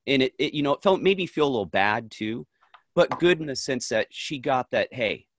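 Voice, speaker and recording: A man's voice: mid-range voice, lively intonation, brisk, no room sound. A man co-hosting a podcast, speaking earnestly and emphatically in short, firm statements during a casual conversation. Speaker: podcast co-host.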